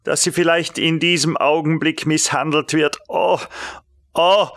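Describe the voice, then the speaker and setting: A man's voice: on the high side, fairly even intonation, measured pace, fairly bright tone, no echo, studio quality, voice pushed up. A man doing a frantic young scribe. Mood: pleading. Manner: frantic, pleading. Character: young desperate male Swiss Protestant scribe.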